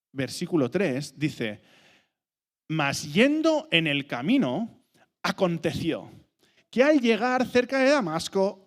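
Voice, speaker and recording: A man from delivers a sermon with a lively, swinging pitch. He slows down deliberately to lean on each scripture line. His voice carries a long reverb from the church hall around him. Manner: animated, slows down for emphasis when reading scripture. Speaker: preacher.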